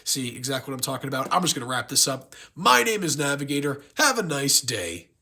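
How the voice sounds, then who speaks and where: Male unboxing reviewer, congested and sick, husky, blocked-nose sound, chatty rambling fan enthusiasm. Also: mid-range voice, sing-song, brisk, bright, forceful tone. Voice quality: congested, stuffy-nosed. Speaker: YouTube toy collector and reviewer.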